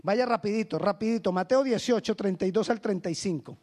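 A male pastor preaching a lively sermon, acting out little dialogues with humor. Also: high-pitched, fairly quick.

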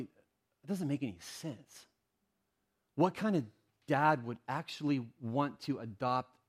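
A man preaching a sermon in a conversational, storytelling way, often restarting his sentences. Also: medium pitch. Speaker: pastor.

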